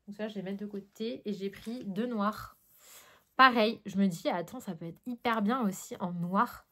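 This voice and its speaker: A French woman vlogging casually at home as she unboxes art supplies, sniffly from a tickling nose, chatty and excitable with lots of fillers. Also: mid-range voice.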